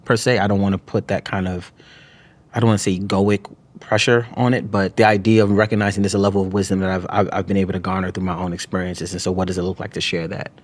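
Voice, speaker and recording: The guest poet and author from New York, USA, speaks in a low voice with flat delivery. Reflective yet halting, he restarts frequently and peppers his answers with "you know what I'm saying."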